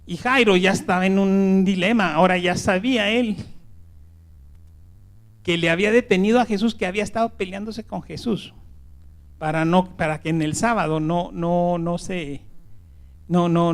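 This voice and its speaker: A pastor with a notably high voice preaches a sermon. His delivery swings from loud, stressed phrases to near-whispers. He often repeats himself and checks in with the congregation with "¿verdad?". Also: steady tone, moderate pace. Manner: swings between loud emphasis and hushed whispers; repeats words and tags lines with "¿verdad?".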